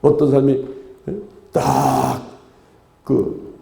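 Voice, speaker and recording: A male pastor delivers a sermon with insistent repetition and frequent rhetorical questions to his listeners. His voice is dark and mellow, and his pitch swings widely. The recording has a roomy hall echo. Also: wildly swooping pitch, drawn-out words, creaky.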